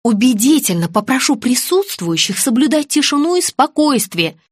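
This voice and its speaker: Woman reader as an officious receptionist, loud, slow and pointed. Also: high-pitched, very animated, breathy edge, no room sound, studio quality, heavily acted.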